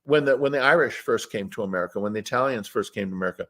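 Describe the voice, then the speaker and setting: A man's voice: on the low side, very fast, pushed and bright. A man talking as an interview guest, telling rambling stories in a plainspoken, opinionated way and wandering off the subject. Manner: rambling, digressive storytelling. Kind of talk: casual conversational interview.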